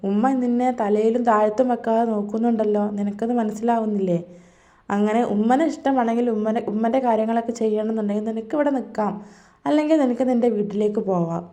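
A woman's voice: a little high, fast talker, dark tone, natural voice. A woman voicing a harsh young husband who scolds his wife curtly. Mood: cold. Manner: curt, scolding.

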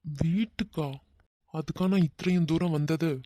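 Someone doing a chill teasing young guy for a cartoon, kanyakumari tamil, soft coaxing voice, mid pitch, dry. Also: fairly even intonation, measured pace, no room sound, close to an everyday voice. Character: young man, easygoing and teasing. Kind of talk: cartoon voice acting.

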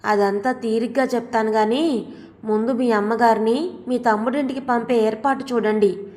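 A woman's voice: fairly high pitch, steady tone, normal speed, darkish tone, lightly acted. A woman voicing a harsh, resentful middle-aged wife who scolds sharply. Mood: angry. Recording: long hall reverb.

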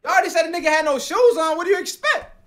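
Animated, high-pitched young man, bright voice. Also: rapid-fire. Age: young adult. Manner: animated, profane, slangy. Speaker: guest reactor to amateur rap songs. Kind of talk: casual, rowdy reaction chat. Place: indoor room, video call.

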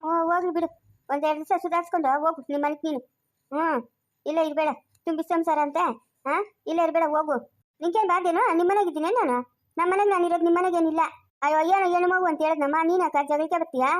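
A woman's voice: very high-pitched, steady tone, fast. A woman acting a fretful, quarrelsome village woman in a homemade family drama, speaking with a rural Chikkaballapur Kannada accent and scolding, exclaiming and repeating her questions.

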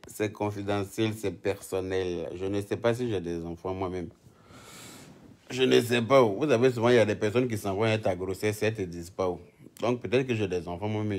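A man's voice: on the low side, a little mellow. A man doing casual live-stream commentary, teasing and chatty, often breaking into laughter. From Ivory Coast.

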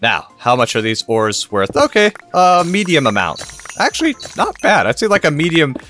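An upbeat man from Kentucky narrating his gameplay with jokes and frequent laughs. His voice sits fairly high and swings a lot in pitch. Faint music plays underneath. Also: huge pitch swings, normal speed, a bit bright. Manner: upbeat and jokey, laughing often. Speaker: gaming YouTuber. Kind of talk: gameplay commentary.

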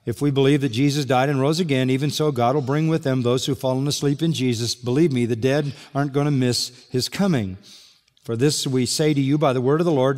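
In a big hall with lingering reverb, an older pastor's voice, medium in pitch and darkish, works through an expository sermon, earnestly reading passages of scripture and stressing the main points.

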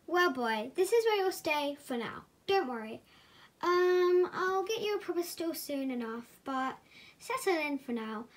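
Woman voicing an eager chatty girl rider, high bright voice, toy horse movie. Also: a little slow. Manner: excitable, chatty.

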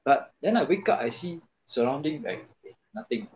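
A man telling a ghost story on a video call, halting, with many fillers and restarts. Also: a little high, animated, darkish tone, lo-fi sound, a little hiss or hum. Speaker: guest storyteller. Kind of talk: casual chat on a video call.

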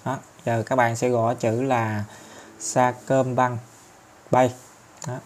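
A man with a Southern Vietnamese accent talking viewers through an app tutorial step by step, chatty and filling pauses often. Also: mid-range voice, flat delivery. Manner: chatty, step-by-step, many fillers and tag particles. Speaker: tutorial host. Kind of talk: screen-recorded app tutorial.

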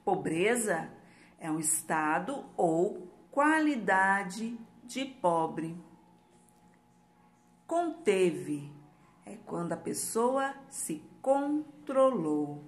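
A woman's voice: mid-range voice, big pitch swings, drawn-out words. A Brazilian woman giving a lesson to young children as their teacher, posing questions and answering them. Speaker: primary school teacher.

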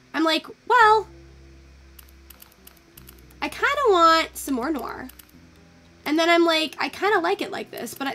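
A young woman chatting casually through a photo-editing tutorial, thinking out loud and swearing now and then. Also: sits high, creaky. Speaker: virtual photography streamer.

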